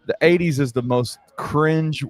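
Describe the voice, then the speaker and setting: A man's voice: fairly high pitch, music in the background. A man in his forties co-hosting a casual podcast, ranting in a dry, contrarian way. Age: 40s. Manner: dry and contrarian, with deliberate rants. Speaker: podcast co-host. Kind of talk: casual sports and pop culture chat.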